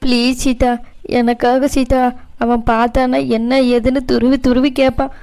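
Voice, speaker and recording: A weary middle-aged mother who works as a housemaid, from a family cartoon, voiced by a woman. She speaks in a flat, even and resigned way. Her voice stays gentle and a bit high. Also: moderate pace, smooth. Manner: tired, resigned, tender. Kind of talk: cartoon voice acting.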